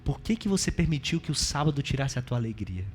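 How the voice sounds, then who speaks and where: A man with a Brazilian accent preaching a sermon as pastor, shifting between loud exclaiming and hushed, intimate asides. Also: mid-range voice, big pitch swings, fast talker, soft background music. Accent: Brazilian Portuguese.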